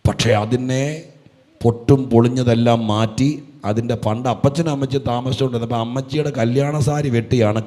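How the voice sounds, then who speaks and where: A man preaching a Pentecostal sermon who keeps saying "praise the Lord" and "hallelujah". He asks the congregation questions and moves from quiet asides to loud, stressed lines. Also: medium pitch.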